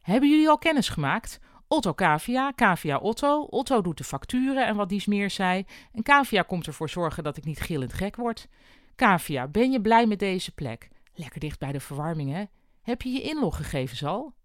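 A reader voicing a cheerful, overworked woman boss who talks quickly and chattily in a storybook reading. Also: mid-range voice, sing-song, no echo, clean studio sound, pitched above the performer's own voice, natural voice. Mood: bustling.

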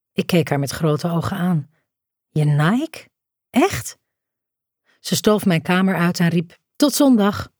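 A woman reads a novel as a first-person audiobook narration, in a slow, measured, hushed delivery. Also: lowish voice, dry recording, clean studio sound.

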